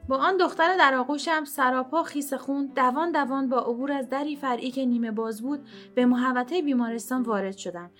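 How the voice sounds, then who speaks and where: High-voiced woman reading a story aloud. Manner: steady, expressive storytelling. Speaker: narrator. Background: soft instrumental music.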